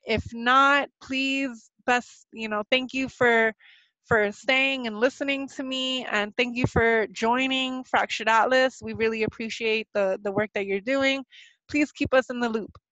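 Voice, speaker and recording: A young woman hosting a webinar Q&A, a little nervous and halting, with a slightly sick voice. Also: a little high, bright, forceful tone, no room sound. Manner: nervous, halting, many fillers and restarts. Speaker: webinar presenter. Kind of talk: live webinar presentation with Q&A. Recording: dull, lo-fi dry webinar audio.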